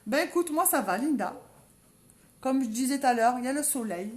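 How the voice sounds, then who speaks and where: A woman's voice: high-pitched, animated, fairly quick, darkish tone. Woman, southern French accent, live makeup tutorial, chatty, talks straight to viewers, echoey room. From south of France. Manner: chatty, keeps calling out to viewers. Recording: roomy echo, faint background ambience.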